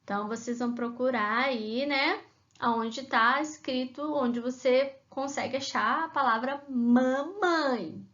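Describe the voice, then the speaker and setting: A woman's voice: high-pitched, steady tone, measured pace, a bit bright, lo-fi sound. A woman teacher talking children through a worksheet in a remote class, patient and sing-song when she reads the rhymes aloud.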